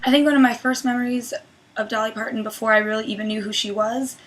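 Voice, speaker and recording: A woman's voice: on the high side, steady tone, quick pace, echoey room, poor audio. A woman talking to camera in a sincere, heartfelt, admiring way. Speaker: web comedy group member. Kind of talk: casual to-camera talk.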